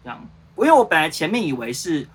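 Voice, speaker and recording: A man's voice: on the high side, fast, breathy edge. A man in his thirties with a Taiwanese Mandarin accent, casually telling a story on a livestream and acting out the dialogue with lots of fillers. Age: 30s. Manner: animated, re-enacts dialogue, rambling with many fillers. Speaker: show producer and host.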